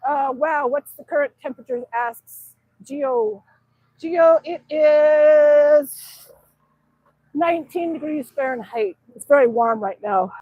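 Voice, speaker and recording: Her voice is high-pitched and slow as she hosts a livestream outside in the snow, a middle-aged Alaskan woman chatting away and responding to viewer comments she reads aloud. The audio is narrow and tinny, with no room sound.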